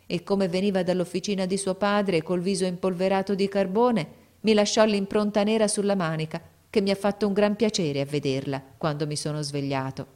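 A woman reading a classic novel aloud as audiobook narration, gently and in measured phrases. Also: mid-range voice, steady tone.

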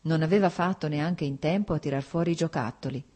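Low, husky woman reading a novel aloud. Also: fairly quick, darkish tone. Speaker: audiobook narrator. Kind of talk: scripted narration of a classic novel.

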